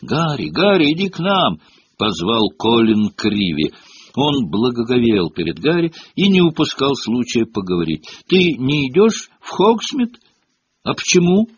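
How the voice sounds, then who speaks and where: A man voicing an eager, adoring young schoolboy who talks excitedly. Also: medium pitch, unhurried, slightly rough, no echo. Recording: dull lo-fi audio.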